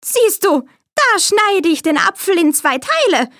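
A woman voicing a spiteful old peddler woman with a shrill, wheedling voice in a fairy tale. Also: big pitch swings, measured pace, a bit bright, no echo, clean studio sound, full character voice. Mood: coaxing.

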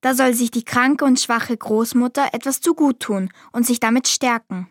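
A woman's voice: fairly high pitch, normal speed, no echo, studio quality, close to an everyday voice. A woman voicing an innocent, trusting little girl who speaks earnestly. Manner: bright, earnest and guileless.

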